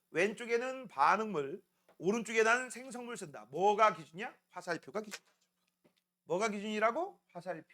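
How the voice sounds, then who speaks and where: A man teaching a science class, quizzing students by name with quick questions in a casual, teasing way. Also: very high-pitched, pushed and bright. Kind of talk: classroom lecture.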